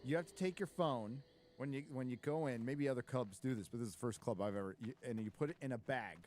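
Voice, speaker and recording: A man's voice: medium pitch, quick pace, darkish tone, slight background noise. A man hosting a casual chat, joking around and reading viewer messages aloud. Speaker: podcast host reading chat. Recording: music playing behind.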